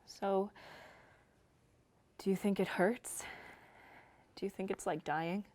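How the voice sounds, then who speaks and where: A woman playing a young woman facing her end together with her partner, speaking softly and tenderly in a drama reading. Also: mid-range voice, unhurried, natural voice. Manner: soft, tender, often hushed. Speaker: actor. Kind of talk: staged radio-style drama reading.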